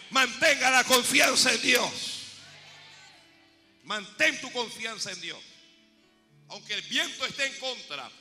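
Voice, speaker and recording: A man pastor preaching a sermon, rising to shouts and dropping to quiet asides. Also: extremely high pitch, long reverb tail.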